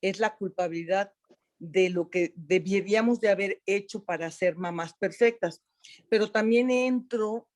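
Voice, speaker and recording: A woman, a mother, reflecting in a measured way during an online group session over a video call. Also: medium pitch, a little mellow. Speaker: workshop participant.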